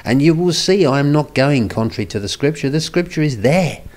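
A man's voice: on the high side, expressive, a little fast, darkish tone. A man hosting a video response, arguing back at a comment with emphatic tag questions such as "isn't it?". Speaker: video host.

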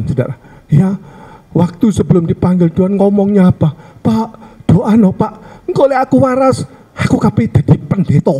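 A man's voice: fairly high pitch, dark tone, husky. A male pastor with a Surabaya Javanese accent tells humorous stories in a funeral sermon and keeps addressing the listeners as "saudara". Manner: humorous storytelling, often adds "saudara".

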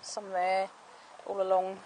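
A woman films a casual, homely walking tour of her allotment garden on a handheld camera, chatting and explaining while staying off screen. Her medium-pitched voice is a little mellow, and she speaks slowly with a completely flat delivery. The outdoor camera audio carries clear background noise.

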